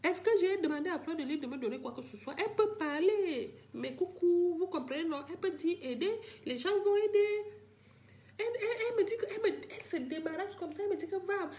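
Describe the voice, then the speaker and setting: A woman's voice: extremely high pitch, expressive, a little fast, a little mellow. Older woman in a pleading live-stream rant. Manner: pleading, repetitive, talks straight to viewers. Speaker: livestreamer addressing viewers.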